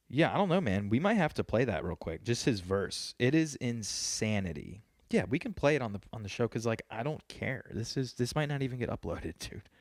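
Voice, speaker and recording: A man in his thirties talks in a low voice as he hosts his podcast. He rambles through casual chat, swearing freely and cracking jokes. The sound is close and dry, with no room around it. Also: dry recording. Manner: rambling, profane, joking. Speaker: podcast host.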